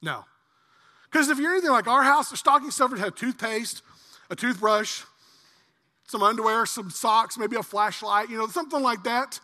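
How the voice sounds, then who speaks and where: Pastor guy preaching, goes loud then drops real quiet, bright voice, church echo. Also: normal speed. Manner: animated, swings from loud emphasis to quiet low asides. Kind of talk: sermon.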